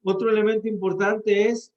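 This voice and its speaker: A man's voice: sits high, little pitch movement, moderate pace, darkish tone. A man teaching a class on how to preach, talking directly to his listeners and often restarting his phrases. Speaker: preaching instructor. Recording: dull lo-fi sound.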